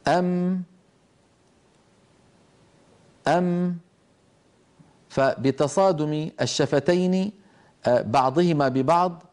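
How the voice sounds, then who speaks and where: A man teaching tajweed phonetics in a patient lecture, pausing and restarting as he explains and demonstrating sounds aloud. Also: medium pitch, a little mellow. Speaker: Quran recitation teacher.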